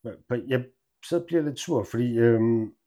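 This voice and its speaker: A man's voice: medium pitch, mellow. A man co-hosting a podcast in casual banter, who talks hesitantly with many fillers and a dry manner. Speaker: podcast co-host.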